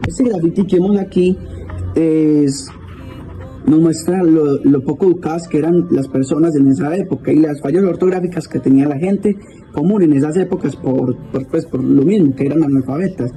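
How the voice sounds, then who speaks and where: A man's voice: fairly high pitch, moderate pace, dark tone, slight background noise, low-quality recording. A young man with a Colombian accent giving a casual, informal lesson, often restarting phrases and checking for agreement.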